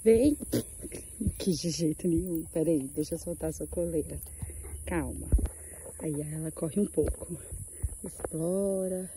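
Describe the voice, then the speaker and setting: A woman narrates a casual travel vlog outdoors at a beach resort, talking into a handheld camera amid background noise. She is chatty, speaks a little slowly with fairly even intonation, and often turns to her dog in a high, sweet voice.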